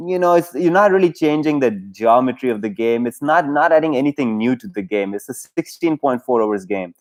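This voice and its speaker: A man's voice: medium pitch, lively intonation, fairly quick. A man from Pakistan, hosting a casual solo livestream chat, rambling and hesitant, with many fillers and frequent laughs. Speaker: YouTube livestream host.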